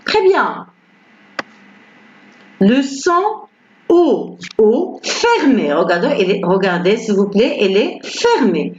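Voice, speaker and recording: A woman teaching beginners French pronunciation, patiently repeating each word slowly and clearly; her first language is Arabic. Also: mid-range voice, sing-song, darkish tone, slight background noise. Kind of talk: slow beginner pronunciation lesson. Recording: roomy, slightly dull recording with faint ambience.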